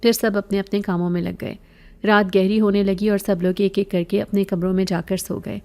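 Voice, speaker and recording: A woman narrating a scripted first-person horror story in a measured, even way. Her voice is mellow and warm, with a middle pitch.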